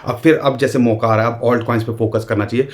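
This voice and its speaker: Talking fast with a steady tone at medium pitch, the crypto commentator with an Indian accent delivers a casual market analysis. He addresses viewers head-on and frames everything as "we."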